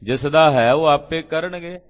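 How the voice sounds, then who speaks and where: A man's voice: fairly high pitch, a little slow. A man preaching in a lilting storytelling way, explaining scripture verse by verse and often slipping into a chant. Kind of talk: Sikh scripture exposition. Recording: echoey hall, dull lo-fi sound.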